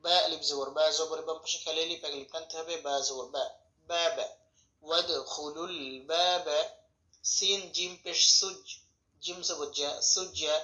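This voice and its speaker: A man teaching a tajweed lesson, spelling out letters and vowels slowly and carefully. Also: a little high, steady tone, bright, forceful tone. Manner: slow, methodical spelling of syllables, drawn-out chanted recitation. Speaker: Quran recitation teacher. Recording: echoey room, dull lo-fi sound.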